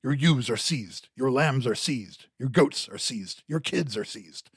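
A man reading the part of a menacing underworld demon, issuing slow, repeated commands. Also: mid-range voice, animated, slightly rough, no room sound, studio quality, heavily acted. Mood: commanding.

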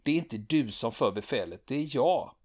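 A man voicing a gruff but patient older army lieutenant who calmly reasons with a soldier. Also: mid-range voice. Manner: calm, reasoning explanation.

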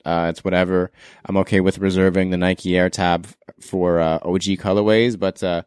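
A man's voice: low-pitched, flat delivery, normal speed, a little mellow, clear, resonant tone, no room sound, studio quality. A young man from Canada hosting a casual sneaker podcast, enthusiastic and slangy, laughing often. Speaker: podcast host.

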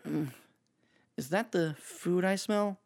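A man's voice: takes it slowly, vocal fry, exaggerated voice. A man voicing a worn-out young woman who speaks in a tired, dry way. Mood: drowsy. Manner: tired, low-key and dry.

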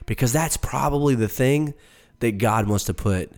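A man's voice: mid-range voice, normal speed, darkish tone. A man co-hosting a faith podcast, telling personal stories animatedly and explaining terms for listeners. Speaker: podcast co-host. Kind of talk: casual faith podcast chat.

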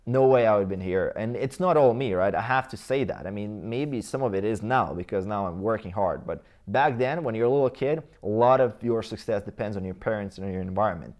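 This interview guest is a Croatian-accented man in his thirties, a native Croatian speaker from the Croatia/Bosnia region, casually recounting his past in a rambling way with many fillers and restarts. His darkish voice sits on the low side, running a little fast with hardly any pauses.

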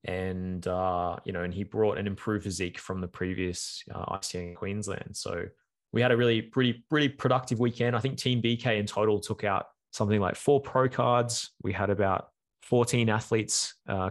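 A man's voice: fairly low pitch, steady tone, a little fast. A young man, co-hosting a podcast and telling a long, rambling story full of fillers. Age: young adult. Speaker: podcast co-host. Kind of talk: casual podcast chat.

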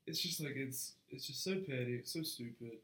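Young male co-host, earnest and frank, middle pitch, echoey room. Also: a little fast, a bit bright. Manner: earnest, frank, repeats words when starting sentences. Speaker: podcast co-host. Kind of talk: casual faith podcast chat.

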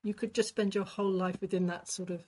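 A woman's voice: medium pitch, fairly even intonation, fast, darkish tone, slightly rough. A middle-aged or older woman chatting casually and reflectively, often qualifying her thoughts as she goes. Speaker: writer in conversation. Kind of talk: casual chat.

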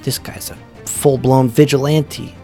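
A man's voice: medium pitch, level tone, a little slow, warm tone, soft background music. Wry male tabletop player. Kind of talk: casual tabletop play.

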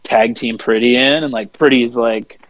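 A man co-hosting a podcast, telling a rambling, laid-back story in casual chat, swearing freely and filling pauses with ums and uhs. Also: medium pitch, fairly even intonation, no echo, poor audio. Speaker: podcast co-host.

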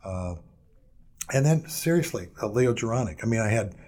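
Rambling low-voiced man telling stories. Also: expressive, moderate pace, darkish tone. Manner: rambling, hesitant, many fillers and restarts. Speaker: interview guest. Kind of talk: casual storytelling interview.

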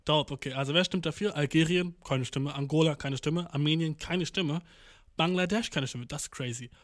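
A young man talking in a fairly high voice, reacting to news on stream. He is slangy and profane, sprinkling in English words and putting on mock voices for the countries he talks about. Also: normal speed, a bit bright. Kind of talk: casual reaction commentary.

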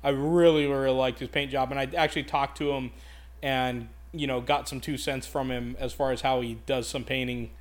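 A man co-hosting a casual podcast chat, telling animated, profanity-laced stories about his games. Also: medium pitch, normal speed. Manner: animated, profane ranting storyteller. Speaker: podcast co-host.

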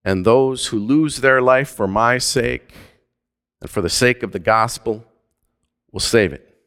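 A man preaching a sermon as pastor, measured and deliberate, with slow emphatic phrases. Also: medium pitch, a bit bright, clear, resonant tone, long reverb tail.

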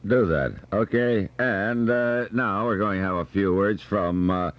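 A man's voice: fairly low pitch, steady tone, unhurried, no echo. A man hosting a radio show, reading ads conversationally with informal, direct appeals to the listener. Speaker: radio host. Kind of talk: conversational live radio ad read. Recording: dull lo-fi radio recording.

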